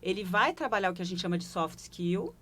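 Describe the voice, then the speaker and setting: The woman's mid-range voice is animated, brisk and a bit bright, with a little hiss or hum on the recording. Speaking with a Brazilian Portuguese accent, she's a leadership consultant reflecting on her work in a studio broadcast interview, often tacking on short questioning check-ins.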